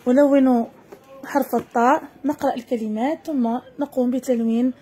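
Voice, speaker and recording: A woman with a Moroccan accent teaching a first-grade lesson, drawing words out slowly for young children to repeat. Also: sits high, steady tone, warm tone, breathy edge. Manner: slow, drawn-out word modelling for children.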